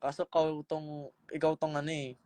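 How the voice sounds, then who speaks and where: A man's voice: fairly high pitch, little pitch movement, moderate pace, a little mellow, dry recording, poor audio. A man on a casual live stream, tired from singing and joking playfully with his viewers. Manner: sings pop songs, then chats playfully with viewers. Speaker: singer doing an Instagram live.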